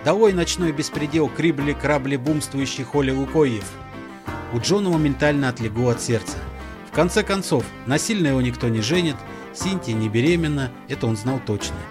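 A man narrating a story in a measured, storytelling manner. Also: mid-range voice, over music. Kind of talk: audiobook narration.

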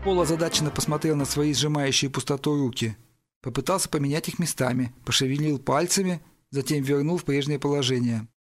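A man's voice: a little high, brisk, soft background music. A man narrating a story expressively as an audiobook reader. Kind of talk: scripted narration.

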